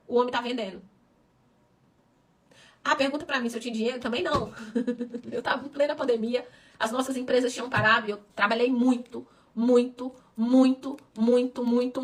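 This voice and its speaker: A woman's voice: on the high side, fairly bright tone, recorded from a distance. A middle-aged woman pastor preaching a sermon with passion, repeating words for emphasis and rising to cries.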